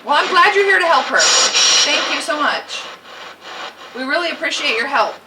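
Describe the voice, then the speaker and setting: A woman leading a spirit box session, casually putting questions out loud to spirits. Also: sits high, very animated, moderate pace. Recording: far from mic, loud scraping background noise.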